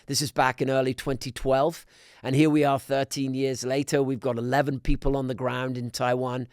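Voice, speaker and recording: A middle-aged man from Scotland, a podcast guest talking in a measured way with many restarts. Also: medium pitch, little pitch movement, a little mellow, no room sound, clean studio sound. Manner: measured, with frequent restarts and fillers. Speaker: guest, business council president. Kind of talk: conversational podcast interview.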